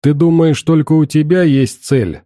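A man's voice: a little high, moderate pace, mellow, no room sound, studio quality, close to an everyday voice. A man voicing a resigned, bitter young friend. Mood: doomed. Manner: doomed, bitter questioning. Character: desperate young male friend, grimly resigned. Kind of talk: audiobook character voicing.

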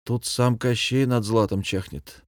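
A man voicing a wary, level-headed young man who speaks in quiet, measured tones. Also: medium pitch, steady tone, no room sound, studio quality, natural voice.

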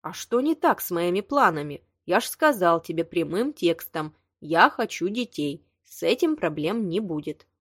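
A blunt, quick-tempered young man, a lawyer who argues hard and sharply, as a woman reads him in an audiobook. The voice sits a little low and sounds close and dry, with no room around it. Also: lively intonation, a bit bright, slightly rough, no room sound. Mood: heated. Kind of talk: audiobook dialogue reading.

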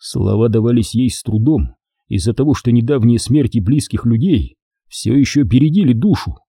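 Dark husky audiobook narrator, man. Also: mid-range voice, no room sound, clean studio sound. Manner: measured, expressive reading.

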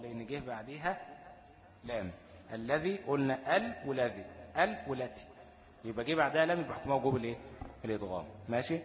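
Speaking in an Egyptian accent at a steady mid-range pitch, this man teaches Quran recitation in a tajweed class. He quizzes the students, supplies his own answers, and chants every quoted verse slowly. A long reverb fills the recording, as though he's in a big hall.

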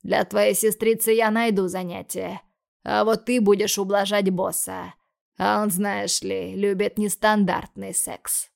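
A crude male debt collector, put on by a woman reader, lowering her voice into a slow, taunting drawl. The tone carries a gravelly edge and is meant to menace, in an audiobook scene. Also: flat delivery, a little mellow. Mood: menacing sneer.

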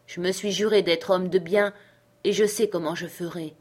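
A woman voicing Ben Gunn, a hoarse, half-mad old male castaway who talks eagerly and wheedles. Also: fairly low pitch, steady tone, moderate pace, lightly acted. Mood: wheedling. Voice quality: hoarse, creaky.

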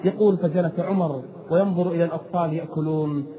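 High-voiced man preaching a dramatic sermon. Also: steady tone, fast, a crowd in the background, poor audio. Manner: dramatic storytelling with emotional emphasis.

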